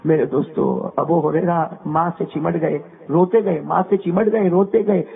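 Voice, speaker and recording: A man preaching an emotional storytelling sermon, fervent and repetitive, often rising to shouts and calling on his listeners to answer. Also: a little high, steady tone, gravelly, husky. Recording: tinny, phone-like sound.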